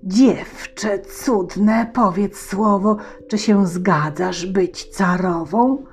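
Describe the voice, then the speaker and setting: A smitten old tsar coaxes and sweet-talks in storybook verse, as a woman puts him on. His delivery is slow and drawn out. Soft music lingers behind him. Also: medium pitch. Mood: wooing. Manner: slow, coaxing, sweet-talking.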